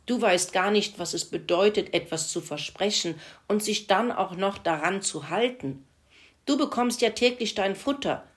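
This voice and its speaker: A woman's voice: mid-range voice, expressive, moderate pace, pitched above the performer's own voice, natural voice. A woman voicing a grumbling, good-natured male farm pig in a children's story, with a whiny, complaining manner.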